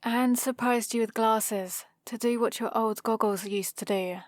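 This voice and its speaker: A British woman with a fairly high voice performs a lightly acted female supervillain in an ASMR roleplay, speaking very slowly in a steady tone. Grudging and exasperated, she's hesitant and defensive, yet her soft exasperation gives away her care for the hero. It's recorded dry, with no room sound.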